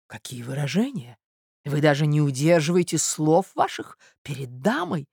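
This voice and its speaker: A woman reading aloud and voicing a scheming society lady who speaks in a painfully soft, reproachful voice. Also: low-pitched, lively intonation, unhurried, no echo, clean studio sound. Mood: softly sly.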